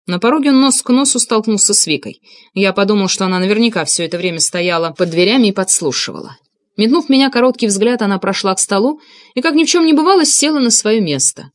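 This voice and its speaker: A woman reads a first-person audiobook with even, measured delivery. Her voice sits at a middling pitch. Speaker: audiobook narrator. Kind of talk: scripted first-person narration.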